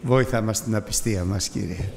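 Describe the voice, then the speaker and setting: Gravelly Greek preacher in a hall. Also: male voice, a little mellow. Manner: fervent preaching with sudden high-pitched peaks. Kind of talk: Sunday sermon.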